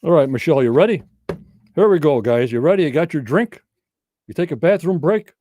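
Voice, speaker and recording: Folksy, rambling trivia-night host. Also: male voice, fairly high pitch, lively intonation, a little fast, mellow, no echo. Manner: folksy, rambling, jokey game-show patter. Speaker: host of a livestream trivia game. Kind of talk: casual livestream chat.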